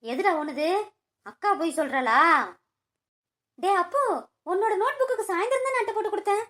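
A short-tempered village mother in a cartoon, voiced by a woman, who is always scolding her bickering children. Her voice sits very high and sounds sharp. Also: brisk. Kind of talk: cartoon voice-over.

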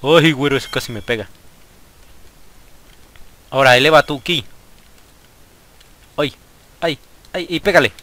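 A man's voice: medium pitch, unhurried, long pauses, dry recording. A young man with a Mexican accent giving casual let's play commentary, talking to his viewers and exclaiming at the game. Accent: Mexican Spanish. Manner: excitable, frequent exclamations at the game. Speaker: gaming youtuber.

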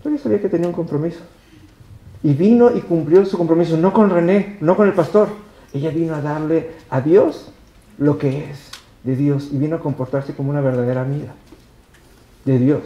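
A man's voice: a little high, a little fast, dark tone, dull audio. A man with a Mexican accent, a pastor preaching a sermon and speaking directly to his congregation. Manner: emphatic preaching, repeats words and addresses the congregation directly. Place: church service held in a hotel hall. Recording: echoey hall.

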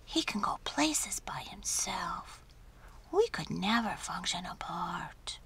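A woman voicing a wistful pair of inseparable storybook chopsticks in a breathy half-whisper. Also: on the low side, big pitch swings, slow, pushed and bright, heavily acted.

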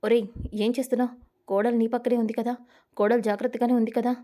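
A woman's voice: on the high side, level tone, dark tone, close to an everyday voice. A woman voicing an anxious, nagging middle-aged mother calling her son in a spoken story. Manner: nagging, quick.

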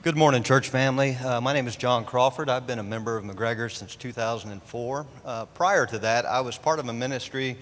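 A middle-aged man speaking to the congregation from a large church stage, halting with many fillers. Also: mid-range voice, over music. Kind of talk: church testimony. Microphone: handheld mic. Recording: long reverb of a large church.

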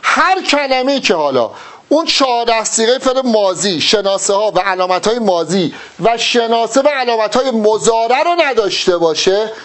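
A man's voice: high-pitched, animated, a bit bright. A man teaching an Arabic grammar lesson for an exam, talking directly to the student and drilling verb forms. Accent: Persian. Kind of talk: recorded exam-prep lesson.

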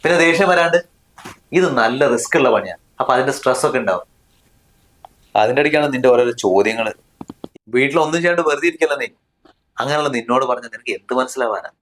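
A man's voice: medium pitch, fast, long pauses, a bit bright, close to an everyday voice. An actor playing a scornful young husband who snaps at his wife in a family short film. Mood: angry. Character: harsh money-proud young husband.

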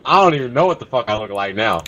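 Animated, profane man on webcam audio. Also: medium pitch, fast. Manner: profane, blunt banter. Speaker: video chat stranger. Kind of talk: casual video chat. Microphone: webcam over video chat. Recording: muffled webcam audio, faint hiss.

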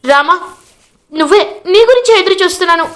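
A woman's voice: extremely high pitch, expressive, fairly quick, a bit bright, pitched above the performer's own voice. A woman voicing an anguished young man pleading over a wedding he does not want, in a retold TV serial story.

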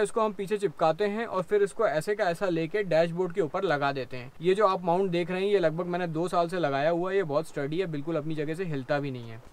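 A man in his thirties explaining his gear step by step, recorded on a lapel mic inside a parked car. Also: high-pitched. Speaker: vlogger. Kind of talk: explanatory vlog talk.

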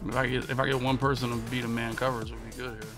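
Talking very fast in a level, medium-pitched tone, a thirtysomething American man comments on his game over music. It's a live stream from a small monitor-lined room, and his commentary is all frustrated cursing and grumbling.

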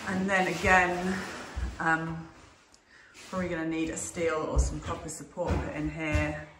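A vlogger films on her phone as she tours an empty, stripped-out house under renovation, talking casually with lots of "um" and "so." Her voice is low and flat, her pace unhurried, and the background is noisy.

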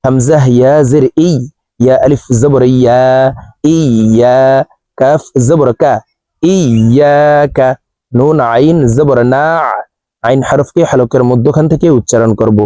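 A man teaching Quran recitation, spelling out each syllable and then chanting the words slowly and drawn out. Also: mid-range voice, warm tone, no room sound. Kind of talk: letter-by-letter recitation lesson.

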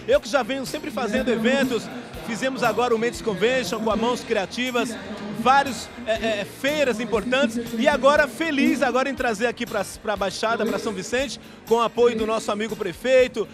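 A man organizing the event, speaking effusively and a little haltingly into a handheld mic in an indoor hall, with music playing behind. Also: extremely high pitch. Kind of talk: on-camera statement at an event.

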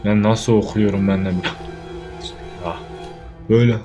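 A young man giving casual let's play commentary on a horror game, jumpy and swearing, yelling out when startled. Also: lowish voice, fairly even intonation, normal speed, music in the background. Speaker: gaming YouTuber.

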